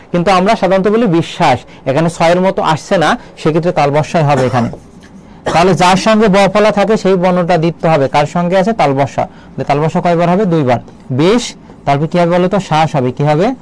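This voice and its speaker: A man teaching an online admission-test prep lesson, explaining step by step and firing quick questions at his students. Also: high voice, rough recording.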